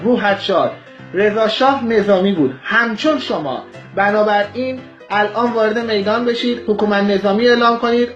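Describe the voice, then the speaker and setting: Brief: high-pitched man from Iran, political commentator, vehement, scornful, lecturing tone. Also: dull audio. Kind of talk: impassioned political monologue.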